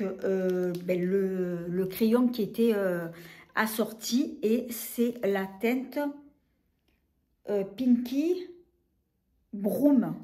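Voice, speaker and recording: A woman's voice: mid-range voice, a little mellow. A woman talking casually through a beauty haul, hesitant with many filler sounds. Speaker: beauty vlogger. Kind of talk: casual product haul talk.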